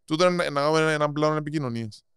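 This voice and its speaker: A man with a Cypriot Greek accent explaining things in casual interview talk, halting and repeating words as he goes. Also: fairly high pitch, fairly bright tone, clear, resonant tone, no room sound, studio quality. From Cyprus. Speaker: podcast guest, marketing strategist.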